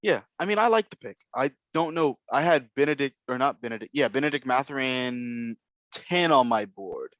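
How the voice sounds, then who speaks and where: Talking through basketball draft prospects on a podcast he co-hosts, this man stays casual yet analytical, leaning heavily on fillers and hedges. His intonation is lively at medium pitch and normal speed, with a slightly bright tone captured on a dry recording.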